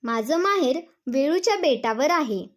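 A woman voicing a secretive fairy bride from a folk tale who answers her husband hesitantly and quietly. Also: high voice, lively intonation, a little slow.

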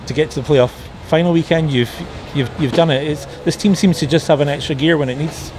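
Fast-talking male sports reporter, slightly high voice, faint background noise. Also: fairly even intonation, darkish tone. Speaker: sports interviewer. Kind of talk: post-match interview questions.

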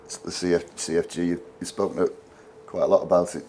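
Low voiced interviewer guy asking easygoing questions, bit of hiss. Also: little pitch movement, a little fast, warm tone. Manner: leading, conversational questioning.

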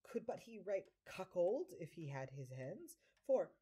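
An amateur actress plays an impish devil disguised as a fawning, scheming manservant in an audio drama, flattering and theatrical in the style of early stage comedy. Her sly, coaxing voice is fairly low and measured, with a crowd audible behind her.

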